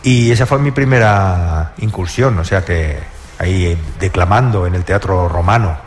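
A man's voice: sits low, normal speed, a little hiss or hum. Middle-aged man, talk-show guest comedian, jokey and self-mocking. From Castilla-La Mancha, Spain. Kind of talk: casual talk show chat. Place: studio with live audience.

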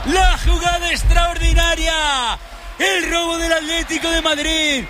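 Shouting Spanish man, breakneck goal commentary. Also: very high voice, level tone, over music, a crowd in the background. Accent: Spain. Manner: repeated drawn-out goal cries. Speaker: football match commentator.

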